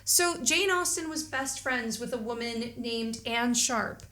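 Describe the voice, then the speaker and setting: Bright-voiced chatty woman co-host. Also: on the high side, measured pace. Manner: lively, laughing, many fillers and restarts. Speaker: podcast co-host. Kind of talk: casual chat. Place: Edinburgh.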